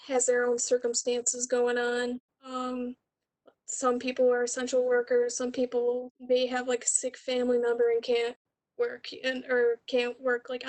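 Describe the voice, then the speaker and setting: A young adult woman with a fairly high voice speaks in an extremely flat tone while answering questions about her capstone project, a production she directed as a student. Her explanations are informal and conversational.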